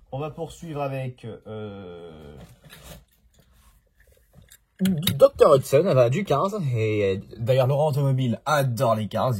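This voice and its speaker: A man's voice: fairly low pitch, a little mellow, a little hiss or hum. A man talking casually in a home vlog about his toy car collection, chatty and jokey, often interrupting himself.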